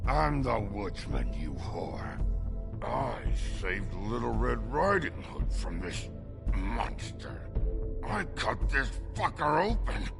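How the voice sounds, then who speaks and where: An actor playing a brutish, furious, foul-mouthed woodsman in a video game, belligerent and gravelly. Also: medium pitch, sing-song, takes it slowly, over music, exaggerated voice. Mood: enraged boasting. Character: brutish, drunken, furious woodsman bully with an axe. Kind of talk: video game character acting.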